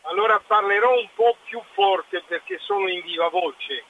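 A man phoning in to a radio show on speakerphone, telling a lively anecdote in a chatty way. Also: sits high, moderate pace. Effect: on speakerphone over a phone line. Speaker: caller. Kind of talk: phone-in chat, telling an anecdote. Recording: dull phone line, speakerphone.

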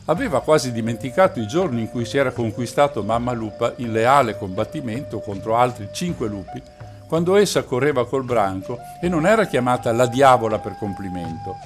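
A man narrating a novel aloud in a steady, measured storytelling voice, with faint music behind. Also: mid-range voice.

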